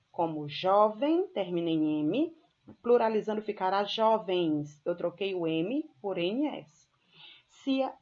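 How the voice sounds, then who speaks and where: A Brazilian woman teacher with a mid-range voice walks her pupils through a lesson. She explains patiently, one step at a time, and keeps checking that they follow. The recording sounds slightly muffled and lo-fi. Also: mid-range voice. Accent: Brazilian Portuguese.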